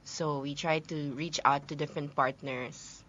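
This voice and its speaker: A young woman from the Philippines, a guest on a radio talk show, explaining her volunteer program in a friendly, measured way. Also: sits low, fairly even intonation, a bit bright, a little hiss or hum. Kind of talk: radio studio interview. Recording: slightly dull lo-fi studio audio.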